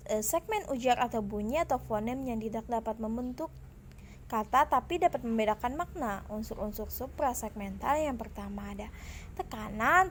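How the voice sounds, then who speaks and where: Young woman, Indonesian accent, student reading notes, slightly high voice, faint hiss. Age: young adult. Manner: careful reading with small slips and restarts. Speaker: student presenter.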